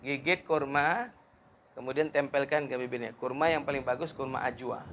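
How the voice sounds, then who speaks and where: A man giving a sermon at a family celebration, often rising to loud, high emphasis and adding joking asides. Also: steady tone, moderate pace, a little hiss or hum. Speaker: preacher.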